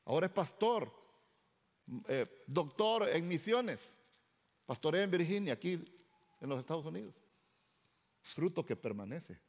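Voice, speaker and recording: A man's voice: fairly high pitch, unhurried, long pauses. A middle-aged male pastor, telling his conversion story in a sermon and acting out the dialogue. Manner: storytelling, animated, acts out quoted dialogue. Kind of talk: sermon testimony. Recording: long hall reverb.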